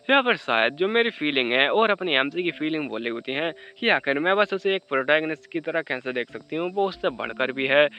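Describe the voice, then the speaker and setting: A man's voice: medium pitch, clear, resonant tone, lo-fi sound. A man recapping a comic story in a casual, chatty way, adding teasing jokes between the plot beats. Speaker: manhwa explainer.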